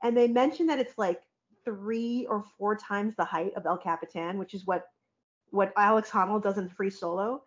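A woman's voice: mid-range voice, moderate pace, highs cut off. A woman guest on a podcast, chatting casually and rambling with many fillers and frequent laughs. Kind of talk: casual chat.

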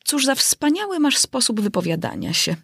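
Woman doing an old duchess, sugary and flattering, kinda husky, storybook read. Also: high-pitched, normal speed, dry recording, clean studio sound, voice pushed up, exaggerated voice. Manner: ingratiating, flattering. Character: fawning, ugly old duchess.

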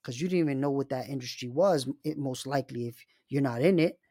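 A man's voice: mid-range voice, fast, mellow, dry recording, clean studio sound. A man hosting a casual personal finance talk, speaking emphatically and turning to the listener with frequent asides. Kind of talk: casual monologue with storytelling.

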